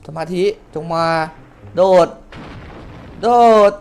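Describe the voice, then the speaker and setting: A young man, giving excitable let's play commentary and shouting and cursing at the game. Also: extremely slow, soft background music. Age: young adult. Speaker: gamer.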